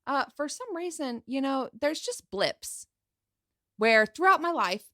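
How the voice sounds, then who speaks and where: Animated woman in her thirties. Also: sits high, measured pace, no room sound, clean studio sound. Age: 30s. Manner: animated, laughs while telling, acts out her own past thoughts. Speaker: podcast guest. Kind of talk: casual storytelling chat.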